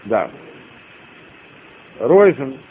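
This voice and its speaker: A man teaching a small class, dictating line by line in an unhurried, deliberate way with frequent hesitations. The recording sounds thin and narrow, like an old tape, with a faint hiss running underneath. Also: medium pitch, big pitch swings. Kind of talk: dictating and explaining a Yiddish poem.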